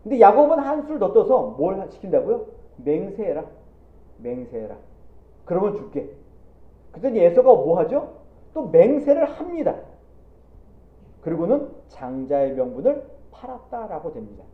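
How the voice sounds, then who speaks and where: Male pastor, animated sermon delivery; roomy echo, thin narrow-band recording. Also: sits high, normal speed. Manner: animated preaching, acting out Bible figures in quotes. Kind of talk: Sunday sermon. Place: church sanctuary. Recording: echoey church, phone-like audio.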